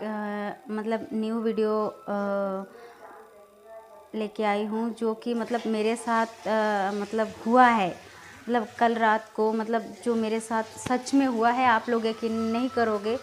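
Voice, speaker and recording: A woman in her thirties vlogging, telling a personal story in a rambling, hesitant way with many filler words that turns agitated and loud. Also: on the high side, little pitch movement, slow pace. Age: 30s. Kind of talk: casual storytelling vlog.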